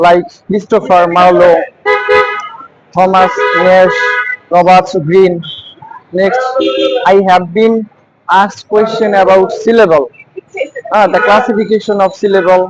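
A young man from Shariatpur, Bangladesh, recounting his exam interview in a halting way, dropping into English with hesitant fillers. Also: high-pitched, dull audio. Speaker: exam candidate interviewed after viva. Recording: loud crowd chatter around.

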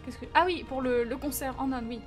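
High-voiced chatty woman streamer. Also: fairly quick, faint music behind. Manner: chatty, animated, frequent fillers and laughs. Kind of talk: casual live-stream chat reading viewer messages.

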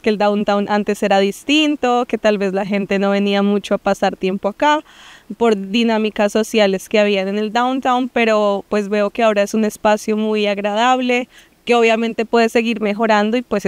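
Standing in a downtown plaza outdoors, a project founder from Colombia in her thirties earnestly answers on-camera interview questions into a handheld mic, with many fillers in her Colombian Spanish. Her smooth, mid-range voice has fairly even intonation at normal speed, with no echo.

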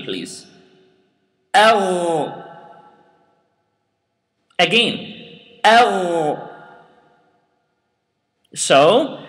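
In an echoey room with long reverb, a man with a high-pitched, slightly bright voice leads a slow Quran recitation lesson. He goes step by step, patiently repeating sounds and asking the learners to repeat them after him.

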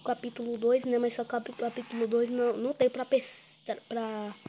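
A Brazilian woman chats casually while playing a game. Her voice sits fairly high. She talks as a gaming YouTuber, over a clearly noisy mobile recording. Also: flat delivery, brisk, dark tone. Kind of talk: casual gameplay commentary.

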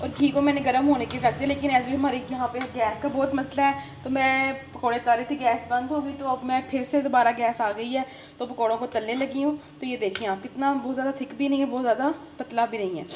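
A woman's voice: high-pitched, steady tone, fast, a little mellow, a little hiss or hum. A woman, a cooking channel host chatting viewers through a recipe in her home kitchen, filmed on a phone camera. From Pakistan. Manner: chatty, repeats filler phrases, addresses viewers directly.

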